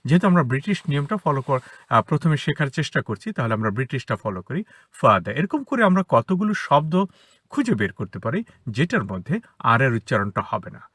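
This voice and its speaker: A man from Bangladesh with a Bengali accent, an English teacher and academy founder, teaches spoken English to children in a bright, slightly husky voice with lively pitch. He explains step by step and repeats example words slowly. The sound is dry, close and echo-free, recorded inside a parked car.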